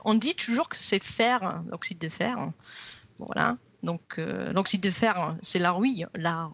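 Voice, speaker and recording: Casting: woman guest expert, English accent, hesitant fillers and restarts, mid-pitched voice. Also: unhurried, vocal fry, fairly bright tone. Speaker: guest geologist. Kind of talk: radio interview.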